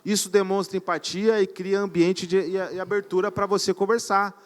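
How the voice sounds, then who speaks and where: A man giving an energetic live seminar talk on stage, often quizzing his audience. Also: sits high, normal speed. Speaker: conference speaker. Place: event stage before an audience.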